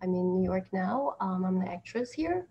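Talking through a computer mic on a video call, a Taiwan-born actress in her thirties who grew up in Austria answers interview questions conversationally from a small, plain indoor room. She speaks at a moderate pace in an expressive, dark, medium-pitched voice, and the sound is lo-fi with background noise.

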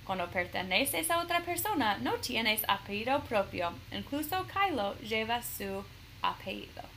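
A woman's voice: on the high side, big pitch swings, measured pace, pushed and bright, slight background noise, full character voice, poor audio. A woman voicing an earnest young male soldier in a storybook read-aloud, speaking with urgent conviction. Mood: solemn.

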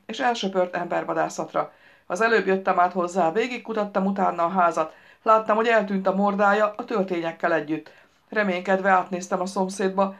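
A woman reading an audiobook, voicing a loud, bossy middle-aged daughter who scolds and rambles over the phone. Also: medium pitch, lightly acted.

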